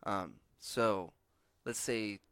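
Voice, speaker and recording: A man with a lowish voice draws out his words in a sharp, clear, resonant tone, with no room sound. He's a podcast co-host chatting casually, rambling through stories, restarting often, and swearing a lot.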